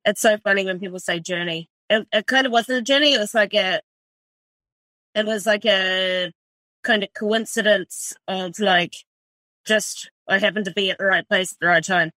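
A woman chef talks in a bright, forward voice on a dry close mic. She rambles in an animated way, leaning on filler words and casual swearing. It sounds like a relaxed podcast chat. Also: medium pitch, moderate pace, dry recording, low-quality recording. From New Zealand.

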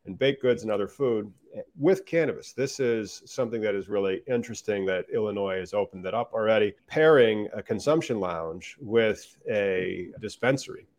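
A man's voice: lowish voice, normal speed, darkish tone. A man co-hosting a casual talk show, explaining industry news in long, confident run-on stretches. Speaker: podcast co-host. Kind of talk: casual chat.

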